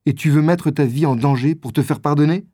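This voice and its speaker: A man's voice: a little high, brisk, warm tone, no echo, clean studio sound, pitched above the performer's own voice, close to an everyday voice. A man voicing a brave, resolute teenage boy who leads the group, in a storybook reading. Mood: firm. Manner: firm, protective.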